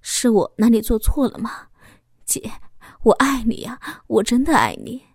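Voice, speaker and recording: A woman voicing a devoted young man who speaks gently and soothingly. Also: fairly high pitch, moderate pace, breathy edge, no room sound, clean studio sound. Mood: tender. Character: tender, devoted young male lover.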